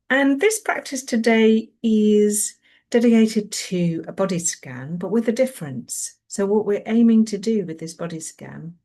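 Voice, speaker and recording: In a gentle, soothing way, a woman guides a mindfulness meditation, letting long pauses fall between her phrases. Her voice sits at a medium pitch.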